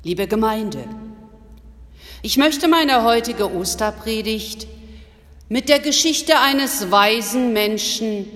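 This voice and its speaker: A woman pastor giving an Easter sermon in a church, in a slow, measured preaching manner. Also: a little high, lively intonation, fairly bright tone. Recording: long church reverb.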